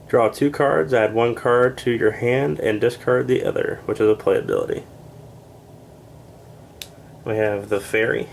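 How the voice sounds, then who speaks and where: Going card by card through a game deck, a man reviewing board games reads the text in a plain, unhurried way, his voice stuffed-up and on the low side. Slightly breathless, he drops in offhand remarks with fillers while a faint hiss lingers behind.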